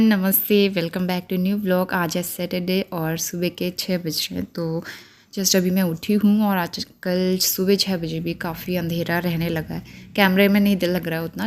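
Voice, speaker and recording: Chatty young woman vlogging at home. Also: on the low side. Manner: warm, homely and talkative, speaking to viewers and her child. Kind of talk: casual chatty vlog narration. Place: at home, indoors.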